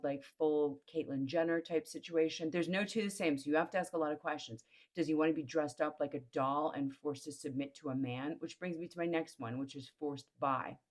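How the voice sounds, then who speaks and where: Very deep-voiced woman, blunt and frank. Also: darkish tone. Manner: blunt, matter-of-fact, listing items one by one. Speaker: host. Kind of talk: frank explanatory monologue.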